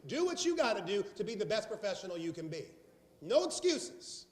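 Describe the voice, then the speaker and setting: Brief: emphatic man with a South Carolina accent, high voice, live seminar, echoey hall. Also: very animated, fast, a little hiss or hum. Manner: emphatic, blunt, banters with the audience. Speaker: sales trainer. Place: large meeting hall before a live audience.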